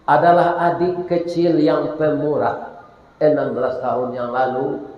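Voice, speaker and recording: A grieving doctor pours out a hushed, tearful prayer, as a preacher acts him out, his voice dropping low and soft. The sound carries the long ring of a big echoey hall. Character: grieving grown man doctor praying.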